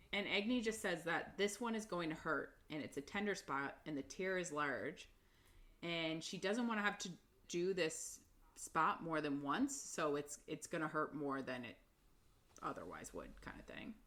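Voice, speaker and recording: A woman's voice: low-pitched, expressive, measured pace, a bit bright. A woman co-hosting a casual book podcast, retelling chapters in a chatty way with frequent laughs and fillers. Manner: chatty, laughs often, lots of "like" and "um". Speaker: podcast co-host.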